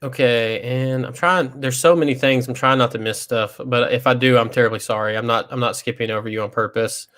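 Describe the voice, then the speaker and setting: A man in his thirties hosting a casual livestream trivia chat, relaxed and rambling with many fillers, on a video call mic. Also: mid-range voice, fairly quick, hardly any pauses. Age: 30s.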